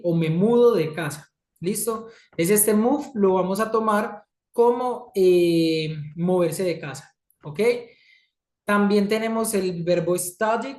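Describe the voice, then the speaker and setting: A woman's voice: medium pitch, a little mellow. Woman teaching a class. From Colombia. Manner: checks in often with "¿sí?" and "¿listo?". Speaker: English teacher. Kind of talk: classroom lesson. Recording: echoey room.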